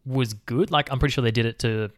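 A man's voice: medium pitch, quick pace, no echo. Blunt, opinionated man, dry close mic. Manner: opinionated, fillers, blunt swearing. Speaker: podcast co-host. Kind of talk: casual film chat.

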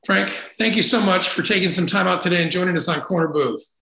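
Bright-voiced male podcast host, roomy sound. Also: sits high, fast talker, gravelly. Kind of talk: podcast interview hosting. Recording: roomy echo.

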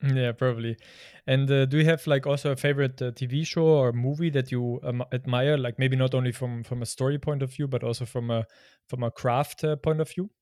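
A man's voice: medium pitch, steady tone, fairly quick, a little mellow, no echo, studio quality. A man hosting a podcast, chatty and stumbling over his words as he asks questions. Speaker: podcast host. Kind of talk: casual interview chat.

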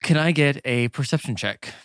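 A man narrating as game master in a tabletop role-play game, unhurried and descriptive, with many fillers. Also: mid-range voice, a bit bright, no room sound, clean studio sound.

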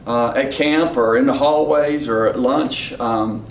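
Middle-aged Appalachian man, folksy and halting, off-mic with some background rumble. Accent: West Virginia Appalachian. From West Virginia, United States. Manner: halting, searching for words, folksy. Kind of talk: casual reflective discussion. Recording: echoey room, distant mic, background rumble.

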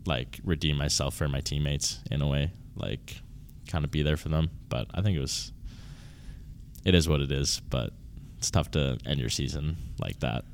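A young man around twenty with a very low voice answers interview questions in a relaxed, halting way. He restarts his sentences and lets them trail off. Faint background noise sits under the recording. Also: vocal fry. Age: 20s. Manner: halting, restarts often, soft-spoken trailing off. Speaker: university volleyball player, guest.

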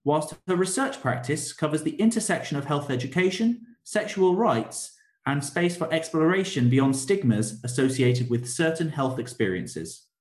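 Formal male host with a slightly high voice. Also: lively intonation, darkish tone. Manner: formal, measured. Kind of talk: scripted introduction and interview questions. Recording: roomy echo.

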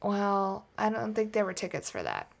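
A woman's voice: medium pitch, very animated, moderate pace, gravelly. A woman co-hosting a casual true-crime podcast, rambling and joking and laughing often as she tells the case. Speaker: podcast co-host.

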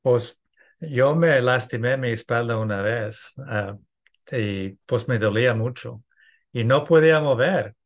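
A man's voice: mid-range voice, unhurried. A man, a lawyer, hosting a radio talk show and speaking plainly with some hesitant restarts.

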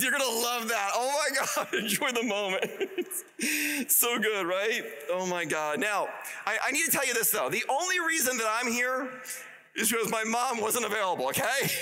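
A man's voice: very high voice, bright, forceful tone. A man in his forties giving a live motivational commencement speech to an audience, gushing and exclamatory, laughing often as he talks. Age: 40s. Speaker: commencement keynote speaker. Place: university commencement ceremony, before a live audience.

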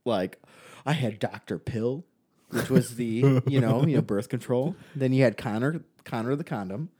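A man on a podcast as a guest, telling animated, profane stories from high school with a lot of laughing. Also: normal speed, husky. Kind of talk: casual storytelling chat.

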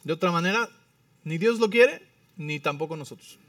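A man in his thirties preaching a Spanish-language sermon as pastor, animated, often checking in with the congregation. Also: on the high side, moderate pace, no echo, recorded from a distance.

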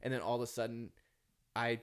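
Brisk and clean-toned, this mid-range male voice has a flat delivery. He's an author guest on a podcast with a Minnesota accent, talking earnestly and philosophically with emphasis as he reflects.

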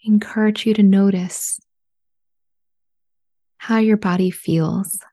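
Woman doing guided meditation, soft spa whisper, really slow n mellow, breathy. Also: mid-range voice, fairly even intonation. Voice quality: breathy, hushed. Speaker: guided relaxation instructor.

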